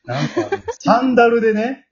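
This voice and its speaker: Extremely high-pitched and sing-song, this Kansai-accented host talks at a moderate pace during a relaxed round-table after-talk. He keeps offering little acknowledgements, backchannel responses and chuckles, all on a dull, lo-fi recording.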